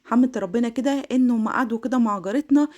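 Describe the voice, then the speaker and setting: Egyptian woman, young adult, brisk chatty vlog talk, mellow tone. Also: fairly high pitch. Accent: Egyptian Arabic. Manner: fast, excitable, laughing, addresses viewers directly. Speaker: home vlogger. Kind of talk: chatty cleaning vlog voice-over.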